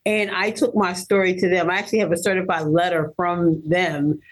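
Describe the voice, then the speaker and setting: A woman in her fifties from Maryland, a guest telling her personal story in an earnest, animated way, laughing easily. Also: on the low side, fairly quick, rough recording. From Baltimore, Maryland, US. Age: 50s. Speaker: interview guest.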